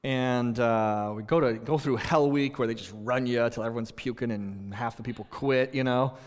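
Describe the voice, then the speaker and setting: A pastor telling stories in a conversational sermon, with many restarts and an animated delivery. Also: male voice, medium pitch, moderate pace. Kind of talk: sermon with storytelling. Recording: long reverb in a large hall.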